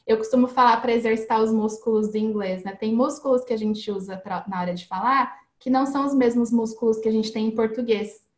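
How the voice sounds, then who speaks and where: A woman's voice: fairly high pitch, a little fast, hardly any pauses. A woman explaining language-learning tips as an interview guest, in a practical, instructive way. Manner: explanatory, practical, speaks in steady instructive phrases. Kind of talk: casual advice in an interview. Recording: echoey room.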